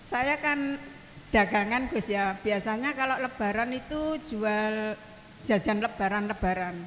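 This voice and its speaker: A woman's voice: fairly high pitch, measured pace, slight background noise. A middle-aged woman earnestly tells a personal story to her teacher, respectfully addressing him again and again as she asks her question. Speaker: congregant asking a question. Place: study hall at an Islamic boarding school. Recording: long reverb, faint ambience.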